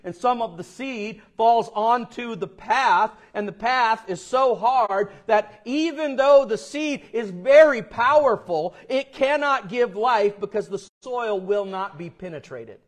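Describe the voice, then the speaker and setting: A pastor from Florida preaching a sermon to a church, his voice climbing loud and high, then falling low and quiet for emphasis. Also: slow, hardly any pauses.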